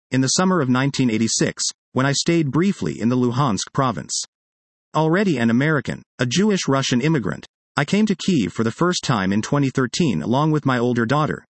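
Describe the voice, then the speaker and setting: In a dry recording, a man with a mid-range voice reads a published article aloud, earnest and measured. Occasionally he corrects how he pronounced place names.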